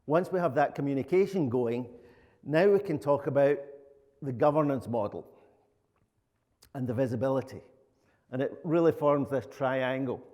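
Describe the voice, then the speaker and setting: This conference speaker, a middle-aged lead software architect from Glasgow, Scotland, talks informally and plainly with a Glaswegian accent. His voice is medium-pitched and darkish, at a moderate pace with long pauses. The recording comes from an indoor conference room with a reverberant, echoey sound.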